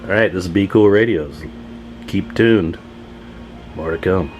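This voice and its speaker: The host of a radio repair channel talks to viewers in a casual, folksy way while tinkering at his indoor workbench. His pitch is low, his pace a little slow, and a slight hiss or hum can be heard.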